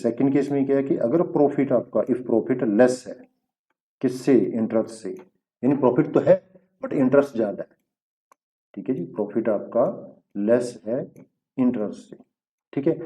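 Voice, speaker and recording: Dark-voiced man teaching accountancy. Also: mid-range voice, normal speed. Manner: explains step by step with repeated checking questions; mixes English terms into Hindi speech. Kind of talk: recorded classroom lesson.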